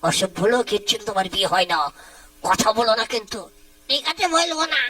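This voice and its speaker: A woman's voice: on the high side, animated, fast, pushed and bright, recorded from a distance, low-quality recording. A woman voicing a bossy, scolding male matchmaker in a puppet show.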